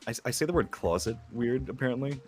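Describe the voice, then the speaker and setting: A man's voice: medium pitch, lively intonation, quick pace. A man in casual stream chat, rambling with many fillers and frequent laughs.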